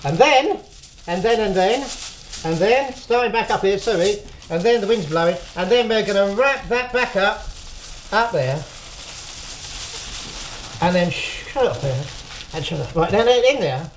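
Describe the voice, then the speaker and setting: A man's voice: high-pitched, animated, a little slow, pauses often. A man hosting a casual cooking demonstration, chatty and rambling and laughing often as he tells jokes. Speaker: cooking show host. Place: outdoors, windy. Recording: echoey with faint ambient noise.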